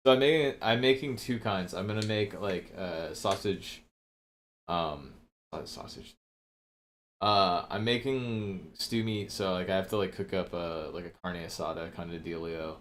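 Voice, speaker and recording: A man's voice: low voice, a little hiss or hum. A man hosting a casual livestream, rambling from topic to topic, swearing often and laughing a lot. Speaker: livestream host.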